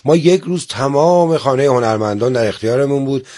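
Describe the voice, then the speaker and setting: Male guest, mid-pitched, formal and courteous, restarts his phrases. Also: animated, dark tone. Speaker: guest, theater organizer. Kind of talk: formal studio interview.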